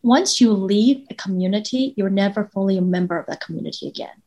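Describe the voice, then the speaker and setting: A woman professor with a Taiwanese accent gives reflective interview answers as a guest, earnest in tone and building her points through rhetorical questions. Her medium-pitched voice is mellow and a little fast, with the highs cut off.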